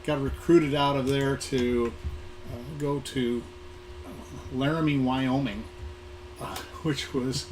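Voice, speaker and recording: A guest speaker from Southern California, a museum programming manager, reminisces in an informal career talk. His medium-pitched, steady voice is hoarse as he recovers from an illness, and he halts, repeating words with long hesitations. The live recording is noisy, with room ambience.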